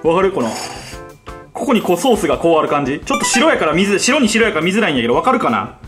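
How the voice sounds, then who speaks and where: Lively high-voiced Kansai man. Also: very fast. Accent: Kansai Japanese. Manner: playful, self-assured hyping of his own dish. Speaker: YouTuber. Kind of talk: casual cooking-challenge banter. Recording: roomy room with background music.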